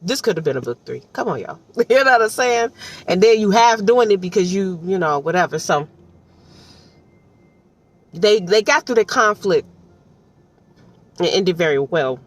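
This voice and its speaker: An audiobook reviewer from Detroit, a woman with an American accent, rambles casually in slangy, conversational commentary full of asides. Her mid-range voice is animated, at a moderate pace with frequent pauses, picked up by a distant mic with faint background noise.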